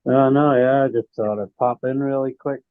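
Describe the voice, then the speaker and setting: A man's voice: mid-range voice, steady tone, moderate pace, clean tone, no room sound. A man drops into a video call from his phone, chatting in an easygoing, joking way. His voice comes through muffled and glitchy, squeezed into a thin, phone-like band. There is no room sound around him at all. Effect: muffled, glitching phone audio. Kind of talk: casual chat on a video call.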